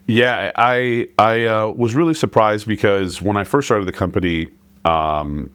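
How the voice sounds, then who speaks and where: Deep-voiced man hosting a podcast. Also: steady tone, measured pace, a bit bright, smooth, dry recording. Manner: hesitant, many fillers and restarts, thoughtful. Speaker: podcast host. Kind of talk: casual conversational interview.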